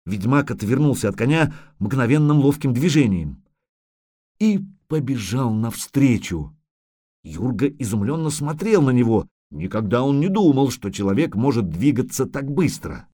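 Male audiobook reader, dramatic and expressive, dry close mic. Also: medium pitch, moderate pace, dry recording.

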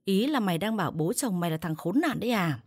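Gruff hot-tempered old father-in-law, as a woman reads him. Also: mid-range voice, animated, quick pace, dry recording, clean studio sound. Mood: angry. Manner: coarse, scolding.

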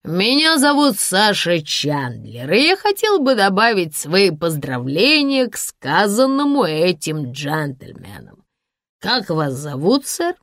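Woman doing drunken ruined man, slurring, loud and theatrical, drawn-out slow delivery, dry close sound. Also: fairly low pitch, very animated, no room sound, full character voice. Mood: drunk, mocking. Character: drunken boastful ruined man, swaying and mocking. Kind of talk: audiobook character voice.

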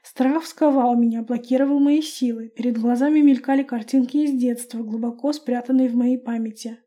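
A woman narrating a first-person fantasy audiobook with a lively, expressive reading. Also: a little high, normal speed.

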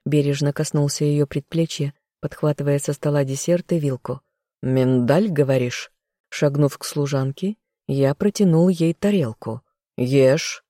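An audiobook reader tells a first-person story in a measured, even way. The voice is mid-pitched with a dark, mellow tone, recorded close in a dry space with no echo. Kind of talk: first-person scripted narration.

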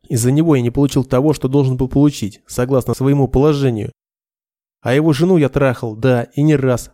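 A man's voice: mid-range voice, dark tone, no echo, clean studio sound, close to an everyday voice. A man voicing a vicious, contemptuous retired major of noble birth, in an audiobook reading. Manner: snarling, contemptuous.

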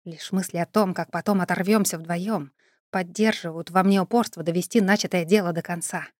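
A woman narrating an audiobook in an even, first-person storytelling manner. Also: on the low side, brisk, no echo, studio quality.

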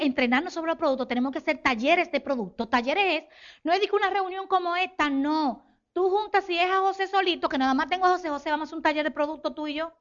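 A woman from the Republic, giving an animated business talk to an audience and acting out sales conversations. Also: very high voice, dull audio. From Dominican Republic. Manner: animated, acts out sales dialogues, addresses audience as señores. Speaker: network marketing business speaker.

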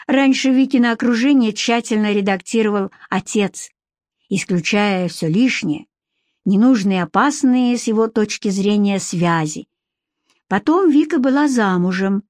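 A woman narrating an audiobook with an even, measured read. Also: mid-range voice, dry recording, clean studio sound. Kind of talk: scripted narration.

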